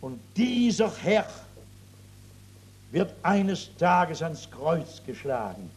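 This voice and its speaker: In a fairly high, very animated voice, a man delivers an evangelistic sermon to people seated before him. His rhetorical questions alternate with loud exclamations and hushed, drawn-out moments of emphasis.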